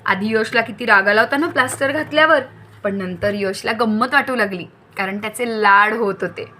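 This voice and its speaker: Bright-voiced woman telling a children's story. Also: on the high side, normal speed, a little hiss or hum. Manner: lively, addresses young listeners directly. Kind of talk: reading a children's story aloud.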